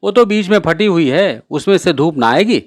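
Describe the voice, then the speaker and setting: A man's voice: a little high, lively intonation, normal speed, dry recording, clean studio sound, voice pushed up, close to an everyday voice. A man voicing a curious little girl who keeps begging her older brother, in a whiny, coaxing child voice. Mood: pleading. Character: pleading little girl, curious younger sister.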